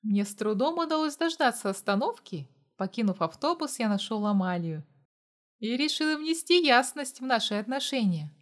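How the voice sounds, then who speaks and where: A woman narrates a first-person audiobook in a steady storytelling manner. Her voice sits a little high. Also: moderate pace.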